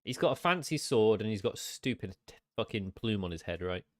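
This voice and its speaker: Low-voiced man, dry teasing banter. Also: lively intonation, a little fast. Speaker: podcast co-host. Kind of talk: casual banter.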